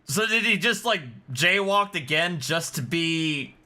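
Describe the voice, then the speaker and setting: A man's voice: fairly high pitch, lively intonation, unhurried, very noisy. A man giving casual, mocking reaction commentary as a host. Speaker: host reacting to video clips.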